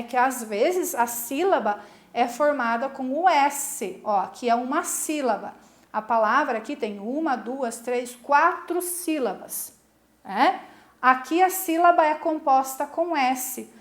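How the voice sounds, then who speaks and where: In this video lesson for schoolchildren, a high-voiced teacher from Brazil walks through a rule one step at a time and keeps quizzing the class. Her accent is Brazilian Portuguese, and she calls herself "a prof" rather than "I."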